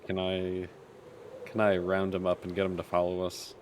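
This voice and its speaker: A man's voice: low-pitched, monotone, moderate pace. A man speaking casually as a player in a tabletop role-playing game. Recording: clear background noise.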